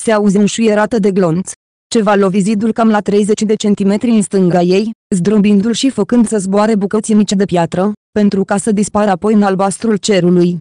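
An audiobook narrator reading a novel in a steady, even manner. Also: medium pitch, no room sound, studio quality. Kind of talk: scripted narration.

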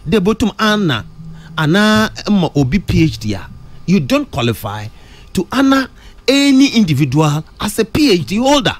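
A middle-aged man with a Ghanaian accent speaks close to a studio mic. His voice swings widely in pitch, jumping high on questions as he switches between Twi and English. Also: very animated, normal speed. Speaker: radio studio guest. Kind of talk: radio studio discussion. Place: radio studio. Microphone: studio mic close to mouth.

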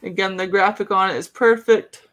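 Hosting an online clothing auction live from her little home bedroom, a woman in her thirties rambles through each piece with plenty of fillers and side comments. Her mid-range voice is steady and a bit bright at a moderate pace, captured by a webcam at her desk.

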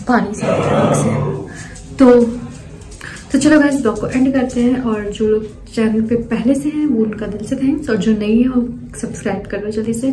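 A young woman chats her way through a casual vlog, her voice sitting a little high. She repeats words for emphasis and laughs often, and she sounds tired by the end. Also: warm tone, low-quality recording. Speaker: vlogger.

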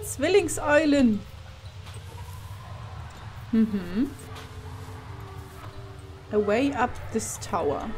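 High-voiced woman reacting to a horror game. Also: slight background noise. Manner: exclaiming, chatty, swears now and then. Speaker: let's play host. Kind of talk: commented horror gameplay.

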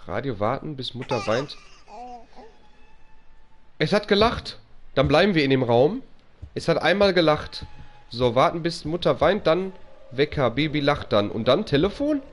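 A man doing live commentary on a horror game, excitable and jumpy, talking to his chat. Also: on the high side, unhurried, pauses often, slight background noise. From Germany. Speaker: live streamer.

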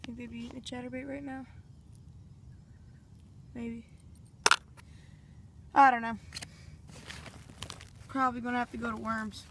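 Woman on a phone at a pond, chatty rambly fishing vlog talk, slightly high voice, faint outdoor sounds behind. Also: flat delivery, a little slow, vocal fry, pauses often, noisy background. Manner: rambling, chatty, talks to viewers as "guys". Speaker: fishing vlogger. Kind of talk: casual outdoor commentary. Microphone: handheld phone.

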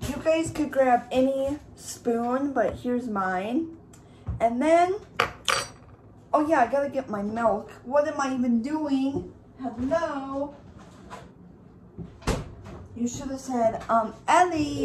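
A young woman YouTuber rambles to her viewers in a casual mukbang vlog, making chocolate milk and cutting pizza in a room at home. Her voice is high, and the background is noisy, with a TV playing faintly.

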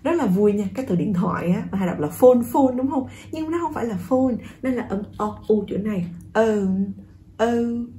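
A woman from Vietnam teaching English through a song, repeating words slowly and coaxing learners to say them with her. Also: mid-range voice, animated, warm tone, slight background noise. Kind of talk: song-based pronunciation lesson.

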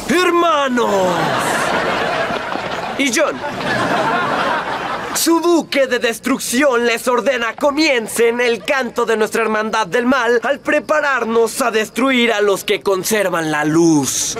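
A man's voice: very high voice, heavy background noise. An actor playing a scheming, pompous teenage boy who relishes being a theatrical mustache-twirling villain in a children's sitcom. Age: teenager or young adult.

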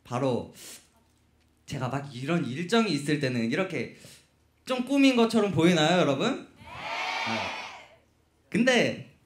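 A man with a high, very lively voice hosts a live fan event from a concert hall stage. He talks to the audience in a playful, teasing way and tells animated stories. His voice rings through an echoey hall with faint noise behind. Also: a little slow, long pauses. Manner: playful, animated storyteller who teases the crowd. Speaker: crew member hosting a fan talk show. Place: concert hall stage before about 300 fans.

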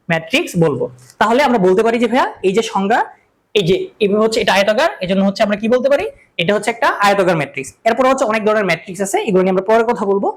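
Man, math teacher, rapid delivery, classroom lecture, self-answered questions, repeats key terms. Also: high-pitched, poor audio. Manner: asks questions and answers them himself.

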